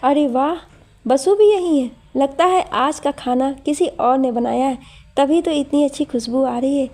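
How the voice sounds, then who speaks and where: A woman's voice: sits high, normal speed, dark tone, natural voice. A woman voicing an older, jovial husband who teases in a cheerful way, in a storybook reading. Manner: jolly and teasing.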